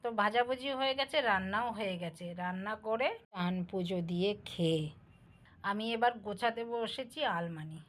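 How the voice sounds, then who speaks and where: A woman's voice: mid-range voice, moderate pace. A middle-aged woman with Bangal family roots, chatting casually to viewers while she cooks at home. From Bangal family, East Bengal roots. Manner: homely, talks directly to viewers, asks for comments. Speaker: cooking vlogger.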